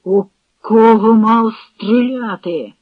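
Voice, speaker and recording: Reader plays a fierce, scornful Cossack leader, shouting commands; dry, lo-fi. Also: medium pitch, takes it slowly, dry recording. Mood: angry. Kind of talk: audiobook reading with character voices. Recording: dry, dull lo-fi recording.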